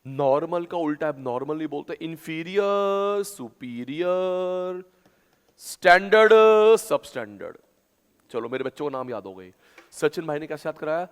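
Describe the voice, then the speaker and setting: A male teacher giving a classroom lecture, drilling terms through loud, chanted call-and-response repetition. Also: fairly high pitch, quick pace. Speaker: commerce teacher. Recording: long hall reverb.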